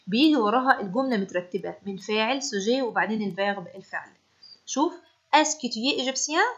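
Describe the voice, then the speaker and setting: Brief: fast-paced female teacher, Egyptian Arabic accent, rhetorical questions, muffled low-fi recording. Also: fairly bright tone. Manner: brisk, questioning, repeats key points. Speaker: French teacher. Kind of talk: classroom lesson explanation.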